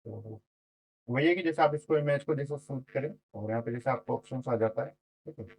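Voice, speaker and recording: A hoarse man giving a casual screen-share web design tutorial, rambling with lots of fillers and frequent "okay?" check-ins. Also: mid-range voice, fairly quick, low-quality recording.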